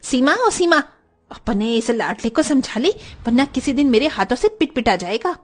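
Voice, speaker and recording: A woman voicing a quarrelsome, protective mother in an animated story, shouting and threatening. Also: on the high side, moderate pace. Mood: angry protective.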